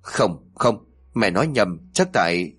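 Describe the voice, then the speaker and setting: A man voicing a cruel, frantic woman in a horror story, shrill and sobbing. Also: very animated, a little slow, fairly bright tone, breathy edge, soft background music, full character voice. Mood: pleading.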